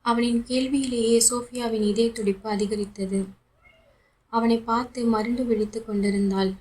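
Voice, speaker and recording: A woman narrating a romance novel as an audiobook, in a steady storytelling manner. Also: on the high side, moderate pace, slightly rough, rough recording. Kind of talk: reading a romance novel aloud.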